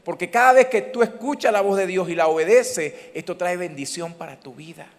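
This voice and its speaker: A man's voice: sits high, a little fast. A man preaching a sermon as pastor, calling out emphatically to his congregation. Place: church hall. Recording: church hall reverb.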